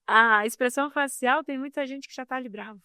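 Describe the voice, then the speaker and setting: Woman, podcast guest, expressive and emphatic, smooth and clear, dry close sound. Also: sits high, fairly quick, no room sound. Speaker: podcast guest, communication specialist. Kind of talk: casual conversational podcast.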